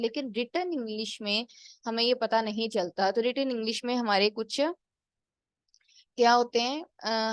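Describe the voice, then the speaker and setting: A woman teacher gives a lecture, mixing terms into her explanations. Her voice sits somewhat high, and the recording is close and dry with no room sound. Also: dry recording. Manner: mixes English terms into explanation, stresses with "theek hai". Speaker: English teacher.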